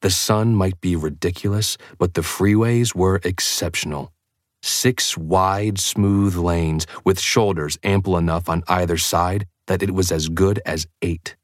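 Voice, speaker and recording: A man with a very low voice narrating an audiobook in the first person. His delivery is measured and intense, and the recording is dry and close, with no room sound. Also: fairly even intonation, dry recording.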